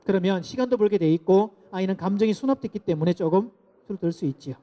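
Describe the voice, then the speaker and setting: Man lecturing parents, middle-aged, lively, audience repeat-after-me, dull lo-fi sound. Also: high voice, quick pace. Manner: animated, asks the audience to repeat phrases.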